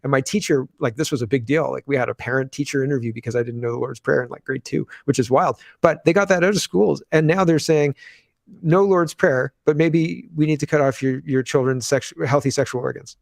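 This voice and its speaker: A man, co-hosting a casual political chat in an animated, rambling way, with sarcastic mimicry. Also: medium pitch, a little fast, vocal fry, no room sound, clean studio sound. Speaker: podcast co-host.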